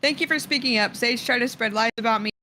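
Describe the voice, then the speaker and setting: A woman on a faulty mic that keeps cutting out, so her level jumps up and down. Her voice is bright and a little high, and she sounds snappy and impatient as she reads posts aloud for a stream. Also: quick pace. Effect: mic cutting out, uneven volume. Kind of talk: casual chat and reading posts aloud.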